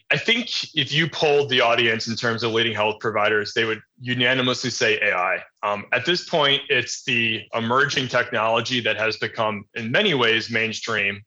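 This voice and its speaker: A man answering interview questions about healthcare technology in a measured, explanatory way with frequent ums. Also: mid-range voice, pushed and bright. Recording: dull lo-fi audio.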